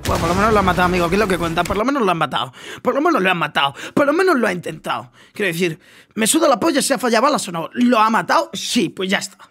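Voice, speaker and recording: A man with a Spain Spanish accent talks over gameplay clips in an excitable, profane way. He keeps repeating his exclamations, and a clear music track plays behind his voice. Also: sits high, rapid-fire. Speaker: gaming YouTuber. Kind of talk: reaction commentary on gameplay clips.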